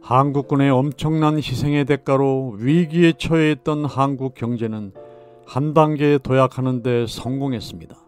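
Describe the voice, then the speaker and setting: A man narrating a scripted history documentary in a measured, solemn way. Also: medium pitch, fairly even intonation. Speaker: channel narrator. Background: faint background music.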